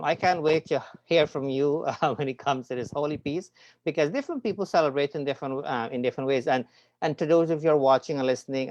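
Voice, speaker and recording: In a casual interview chat, the host of an online talk show rambles amiably and uses plenty of fillers. His voice is medium-pitched and a little mellow, with no room sound, captured in lo-fi quality.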